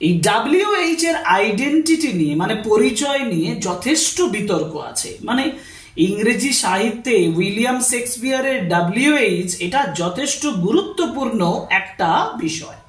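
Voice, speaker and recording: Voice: mid-range voice, expressive, moderate pace. A teacher with a West Bengal accent giving a literature lesson, explaining step by step, spelling words out letter by letter and checking in with students. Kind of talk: exam-prep literature lesson. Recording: roomy, distant from the mic.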